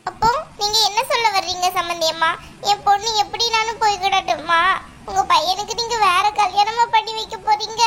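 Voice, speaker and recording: A woman's voice: very high voice, a little fast, bright, forceful tone, slight background noise. A woman voicing a worried middle-aged mother of the bride in a cartoon, pleading and plaintive. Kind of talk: cartoon voice acting.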